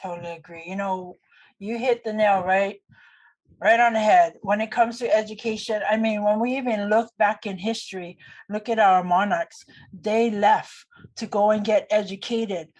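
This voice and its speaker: A woman, hosting a podcast interview in a calm, thoughtful way. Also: medium pitch, normal speed, poor audio. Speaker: podcast host.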